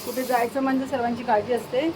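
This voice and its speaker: A woman with a high voice chats in a casual home vlog. She coaxes her pets in soft, repetitive baby talk. Loud background noise and passing vehicles run under her voice. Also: steady tone, fast. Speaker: vlogger.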